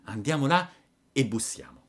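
A man voicing an eager young wooden puppet boy in a storybook reading, earnest and excited. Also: mid-range voice, normal speed, pitched above the performer's own voice, natural voice.

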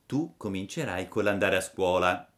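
A gentle fairy mother, as a male storyteller voices her speaks softly and slowly. She lectures the child with calm, measured firmness. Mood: stern. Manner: soft, low and measured, slow and admonishing. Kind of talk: storybook reading.

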